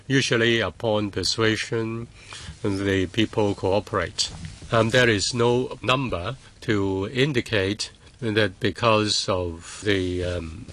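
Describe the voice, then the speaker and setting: Slow, low-voiced male interpreter voice-over. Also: fairly even intonation, fairly bright tone. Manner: hesitant, with pauses and fillers. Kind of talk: interpreter voice-over translating an official.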